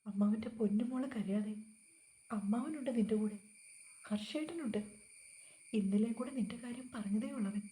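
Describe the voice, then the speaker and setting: A woman's voice: fairly high pitch, moderate pace, long pauses, dark tone, natural voice. A woman reading the part of a scheming middle-aged uncle who gushes with overdone sympathy on the phone. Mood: fawning.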